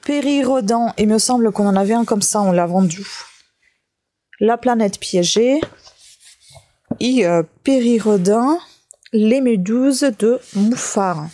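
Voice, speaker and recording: A woman with a soft, mellow tone keeps up an easy running commentary as she goes through a pile of books. She talks to her viewers casually and thinks out loud, dropping frequent little asides at the ends of her sentences. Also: a little high, takes it slowly, long pauses. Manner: chatty, thinking aloud while handling items, frequent "hein". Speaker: vlogger sorting books from bulky-item collection.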